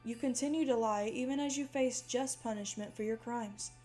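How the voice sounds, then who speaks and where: A booming, gloating demon judge from a horror storybook, as a woman reading the tale puts him on. He hands down verdicts with cruel delight, in a fairly high voice over faint music. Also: moderate pace, mellow, natural voice. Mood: gloating judgment. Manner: booming, gleefully malicious pronouncements. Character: menacing horned male holiday demon judge.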